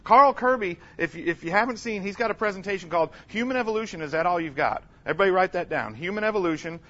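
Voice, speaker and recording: A man giving an energetic, humorous conference lecture, emphatic and calling out to the audience for responses. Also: high voice, fast talker, dull audio. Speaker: conference speaker.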